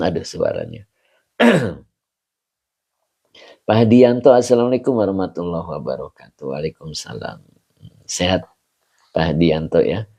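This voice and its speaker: A man, an Islamic teacher greeting online viewers by name in a chatty way, often chuckling and clearing his throat. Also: sits low, wildly swooping pitch, a little slow, pauses often, dark tone. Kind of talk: greeting viewers of an online religious study session.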